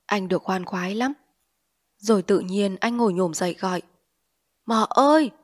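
A woman reading a short story aloud as audiobook narrator, with steady, expressive storytelling. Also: mid-range voice, normal speed.

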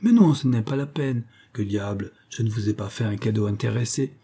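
A man's voice: on the low side, fairly quick, dark tone, breathy edge. A man playing a jaunty, chatty Parisian castaway who jokes in colloquial speech, in an audiobook.

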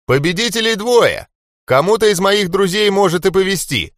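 A man reading an audiobook, voicing a cocky, swearing male fighter who taunts and laughs loudly. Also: sits high, animated, normal speed, dry recording, studio quality, pitched above the performer's own voice. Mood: jeering. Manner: loud, jeering, laughing taunts. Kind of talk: audiobook character voice.

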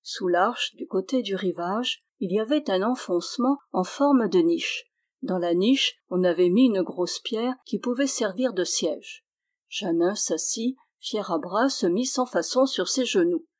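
Lady reading an audiobook, steady and even, middle-pitched voice. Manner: steady, measured narration. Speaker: audiobook reader. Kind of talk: reading a classic novel aloud.

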